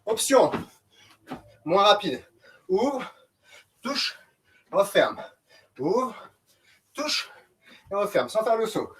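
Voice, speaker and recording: A man's voice: high-pitched, big pitch swings, very slow, pauses often, fairly bright tone. A man coaching a group workout, giving short, commanding and encouraging instructions. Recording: distant mic, noisy background, clicks.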